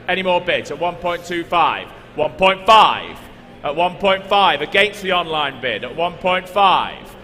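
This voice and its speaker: High-pitched male auctioneer in an echoing hall. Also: animated, unhurried, sharp tone. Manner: repeats figures insistently, coaxing bidders. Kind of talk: live car auction bid-calling. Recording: echoey large hall, background noise.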